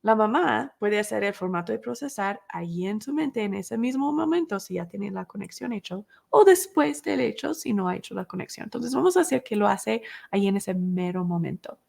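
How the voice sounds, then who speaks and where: A woman's voice: mid-range voice, expressive, moderate pace, creaky, few pauses, a little mellow. A woman, teaching a recovery class podcast and explaining each step with rhetorical questions.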